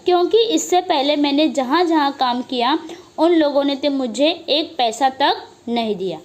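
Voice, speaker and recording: Woman reading timid governess, frightened, trembling, high voice. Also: normal speed, lightly acted. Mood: fearful. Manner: fearful, trembling voice.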